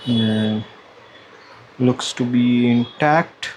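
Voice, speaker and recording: With a medium-pitched, darkish voice, a vlogger draws out his words while unboxing a product, chatting casually and hesitantly as he thinks aloud. The recording is rough, with clear background noise and room ambience.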